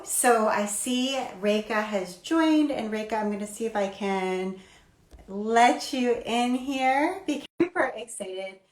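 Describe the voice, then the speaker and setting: A woman's voice: mid-range voice, far from the mic. A woman hosting a casual interview over a video call, asking friendly, upbeat questions. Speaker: host. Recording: echoey room, voice off-mic.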